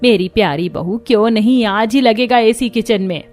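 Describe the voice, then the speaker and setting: A woman's voice: on the high side, moderate pace, darkish tone, natural voice. Woman voicing a scolding village mother-in-law. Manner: scolding, boastful. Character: irritable middle-aged village mother-in-law.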